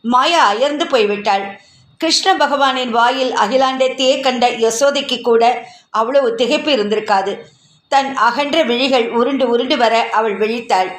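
A woman reading a novel aloud as a storyteller, steady and expressive, in an echoey room. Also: a little high, moderate pace.

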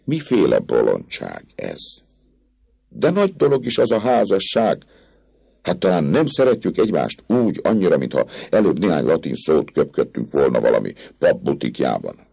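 Guy putting on a cocky smooth-talking captain, gravelly, voice jumps way up. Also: rumbling low, sing-song, dark tone, voice pushed up, exaggerated voice. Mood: coaxing. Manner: swaggering, coaxing.

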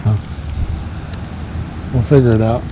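Man fishing outdoors with loud wind noise. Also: medium pitch, unhurried. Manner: relaxed, offhand remarks while fishing. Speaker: father fishing with his son. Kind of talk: casual chat. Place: outdoors on a grassy pond bank. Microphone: chest-mounted action camera.

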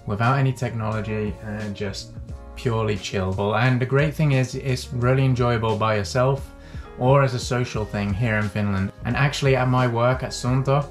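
A man in his thirties speaks in a relaxed, low-key way at a middle pitch. He chats casually to an action camera held close in a small wooden sauna. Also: moderate pace, hardly any pauses, soft background music. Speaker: vlogger. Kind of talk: casual vlog chat. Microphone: action camera at arm's length.

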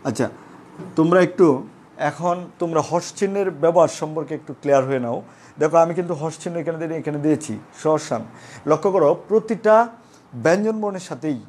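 A male teacher with a Bangladeshi Bengali accent gives a live online class, explaining slowly and repeating examples for his students. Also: a little high, a little mellow. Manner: patient, repetitive explaining, addresses students as friends.

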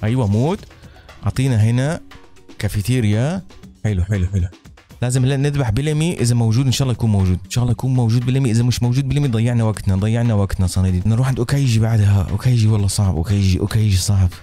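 Male gamer, warm dark tone, quick talker, chatty, faint music behind. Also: lowish voice. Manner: chatty, laughs often, repeats words. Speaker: guest gaming YouTuber. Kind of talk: excited gameplay commentary.

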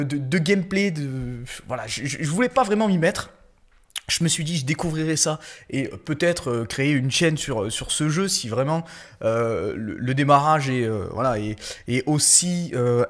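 A man giving casual gameplay commentary as a gaming YouTuber, hesitant with many fillers and restarts, breaking into excited outbursts. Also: on the high side.

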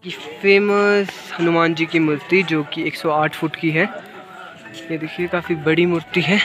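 A man in his twenties from Himachal Pradesh, India, casually narrates a walking travel vlog into a phone held at arm's length, mostly on hill walkways outdoors and partly indoors. His slightly high voice is level and a little slow. Loud music is laid over his speech.

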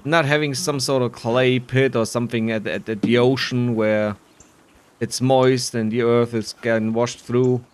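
A man's voice: medium pitch, fairly even intonation, clear, resonant tone, soft background music. A man giving casual, playful playthrough commentary on a video game, often musing to himself. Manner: playful, self-talking, drawn-out musing. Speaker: video game player and narrator.

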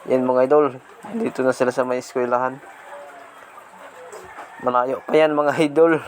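A man with a slight lisp from missing front teeth, giving excited casual commentary as a vlog host outdoors. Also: mid-range voice, moderate pace. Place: outdoors on a rural road, partly riding a motorbike. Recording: outdoor noise, passing motorbikes.

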